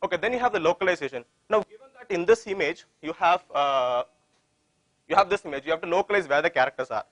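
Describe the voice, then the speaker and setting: A man's voice: on the high side, lively intonation, fast talker, fairly bright tone, rough recording. A man with an Indian accent giving an informal technical presentation, often repeating phrases and posing questions that he answers himself. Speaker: tech conference presenter.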